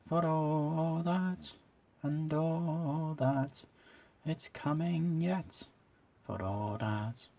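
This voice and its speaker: Whispery asmr guy, super slow and breathy, kinda muffled lo-fi sound. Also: a little high. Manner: soft whispering. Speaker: ASMR YouTuber.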